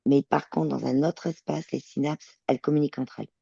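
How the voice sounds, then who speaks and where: A woman working as a telepath, describing her visions in a channeling session, halting and searching for words. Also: deep voice, fairly even intonation, vocal fry, warm tone, slightly rough, no echo, muffled recording. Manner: hesitant, searching for words, many fillers.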